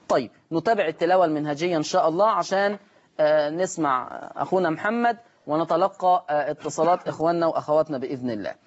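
On a broadcast lesson, a high-voiced man with an Egyptian accent teaches Quran recitation, asking questions and answering them himself while repeating every key term. The audio sounds slightly dull.

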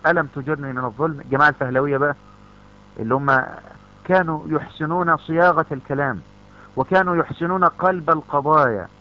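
A male preacher, delivering a fervent sermon full of repeated rhetorical questions. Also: on the high side. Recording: dull lo-fi recording.

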